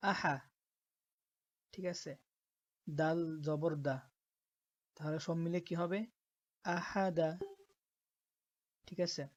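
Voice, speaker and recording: Woman teacher, slow and patient, dry close sound, slightly dull audio. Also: sits low, fairly even intonation, no room sound. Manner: slow, patient, checks in with "ঠিক আছে?". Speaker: Quran reading teacher. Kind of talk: spelling out letters in a reading lesson.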